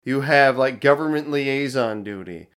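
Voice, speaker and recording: A man co-hosting a podcast, talking in a wry, analytical, deadpan way in casual chat about a cartoon episode. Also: mid-range voice, measured pace, clear, resonant tone. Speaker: podcast co-host.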